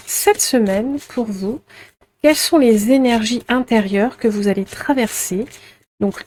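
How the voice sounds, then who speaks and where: A woman giving an intuitive tarot reading to her viewers, gentle and chatty, with many fillers and repeated words. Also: a little high. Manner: speaks to unseen spirit guides while drawing. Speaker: tarot card reader.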